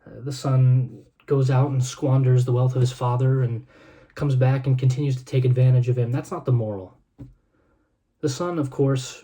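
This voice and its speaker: A man hosting his own video, reading scripture and reflecting on it in an earnest, sermon-like monologue with a solemn, measured, heartfelt delivery. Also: medium pitch, warm tone. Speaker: food review video host.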